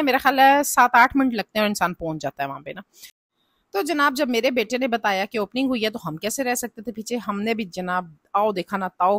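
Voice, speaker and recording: A woman's voice: medium pitch, no echo, studio quality. A woman, narrating her family vlog in a chatty, advice-giving way and often addressing viewers as "janab". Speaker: family vlogger.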